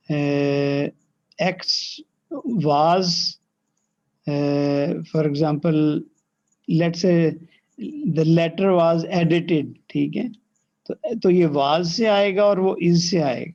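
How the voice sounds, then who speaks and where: A man teaching an online grammar lesson. He recites verb forms slowly and mixes English terms into his explanations. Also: fairly high pitch, vocal fry, dark tone, highs cut off. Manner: slow, drawn-out recitation of verb forms between quick explanations; mixes in English terms and checks in with "theek hai".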